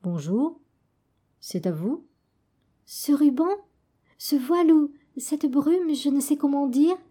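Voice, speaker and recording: Une femme qui prête sa voix à un vieil esturgeon, poli, doux et savant, dans un conte lu. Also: female voice, high voice, expressive, slow pace, pitched above the performer's own voice. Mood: courteous. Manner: polite, gentle, bookish. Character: old kind learned male sturgeon.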